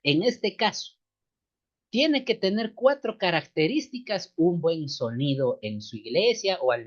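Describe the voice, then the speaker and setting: Man, seminary music lesson, animated pitch, slight cold, dull lo-fi sound. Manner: explains step by step, addresses listeners as sisters and brothers. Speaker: seminary teacher. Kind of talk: church music lesson, lecturing. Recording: dull lo-fi recording.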